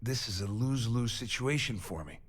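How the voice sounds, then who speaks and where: A man's voice: medium pitch, animated, brisk, slightly rough. An actor playing a blunt, suspicious, self-serving male passenger on a starship in a video game. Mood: angry, worried.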